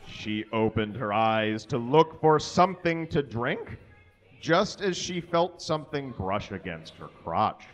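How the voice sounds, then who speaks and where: This comedy show reader, a man in his thirties, performs a fan fiction story aloud on a small stage through a handheld or stand microphone. He has a sing-song, mid-range voice and a measured pace, with faint music playing behind him.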